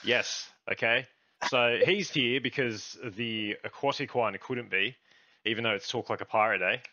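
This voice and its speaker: A man's voice: mid-range voice, a little slow, pushed and bright, no room sound. A young man hosting a casual gaming video, talking loosely to viewers and swearing offhandedly. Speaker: YouTube host. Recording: dull lo-fi sound.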